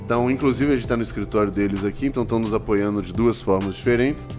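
A man's voice: fairly low pitch, music in the background. A man hosting a podcast in a casual, chatty interview style, stretching words and restarting sentences as he reads sponsor thanks and brings in his guest. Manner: chatty, drawn-out fillers and restarts. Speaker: podcast host.

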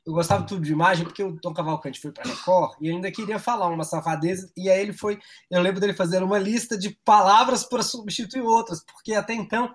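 A man's voice: high-pitched, steady tone, fast talker, few pauses. A man hosting a comedy chat show, telling jokes playfully and acting out voices. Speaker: comedy podcast host.

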